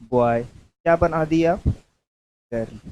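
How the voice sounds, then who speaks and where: A man teaching a grammar lesson, dictating slowly and repeating terms, calling his students "babu". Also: on the high side, a little mellow, lo-fi sound. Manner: slow, repetitive dictation, mixing English terms into Hindi.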